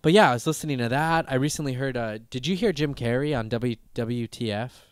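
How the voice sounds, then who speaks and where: A man's voice: mid-range voice, fairly quick, clean tone, no room sound, studio quality. A man in his thirties hosting a podcast, talking casually in a rambling way with lots of fillers, restarts and swearing. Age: 30s. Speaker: podcast host.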